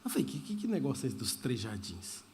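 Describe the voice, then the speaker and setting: A man's voice: medium pitch, huge pitch swings, brisk, darkish tone, a little hiss or hum. A man preaching a sermon as pastor, talking in a conversational way and slipping into Spanish phrases. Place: church service.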